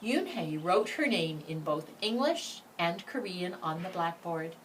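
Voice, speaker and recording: In an expressive read-aloud of a children's story, a female storybook reader with a fairly low pitch gives every phrase deliberate emphasis, her intonation bouncing with lively variety. Faint background noise comes through a slightly distant mic.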